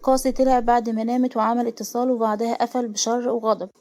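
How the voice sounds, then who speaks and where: A woman's voice: a little high, level tone, dark tone. A woman with an Egyptian Arabic accent narrating a dramatic romance story, voicing its characters' lines with feeling. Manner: fast, emotional storytelling with voiced quotes.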